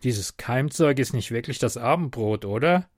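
A pushy little storybook kobold, cheeky and boastful, as a man puts him on, with a high excitable voice that swings widely as he wheedles. The sound is close and dry, with no room around it. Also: moderate pace, no room sound, close to an everyday voice.

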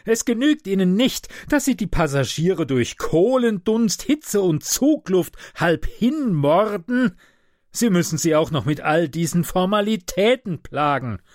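A man's voice: high voice, big pitch swings, a little slow, a little mellow, no echo, studio quality, pitched above the performer's own voice. A man doing a whiny sickly old passenger. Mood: scolding. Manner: whiny, complaining, tearful. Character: frail whining older male train passenger.

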